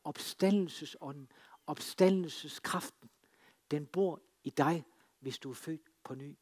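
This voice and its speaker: A man delivers a sermon in a somewhat high voice. He tells it like a drama, pressing hard on some lines and dropping almost to a whisper on others. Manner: dramatic storytelling, swinging between emphatic and hushed. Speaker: preacher. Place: free church.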